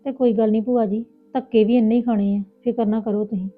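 A woman's voice: fairly high pitch, level tone, natural voice. A woman playing an outspoken elder sister in a Punjabi village family drama, speaking with a Punjabi accent. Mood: indignant. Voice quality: fast, outspoken, indignant. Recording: tinny phone-like lo-fi with music.

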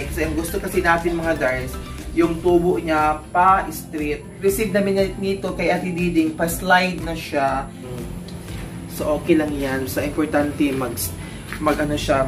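A woman chatting casually to her viewers as a plant vlogger, giggling often as she talks. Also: sits low. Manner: chatty, warm address to viewers, frequent giggles. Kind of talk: casual chat. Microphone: clip or handheld mic in later part.

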